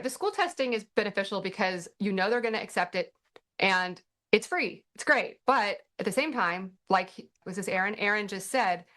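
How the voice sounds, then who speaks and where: Fielding questions at the parenting workshop she hosts, this middle-aged parent advocate keeps things chatty and slips in dry, sarcastic remarks. She speaks in a mid-range, fairly bright voice during the casual teaching Q&A.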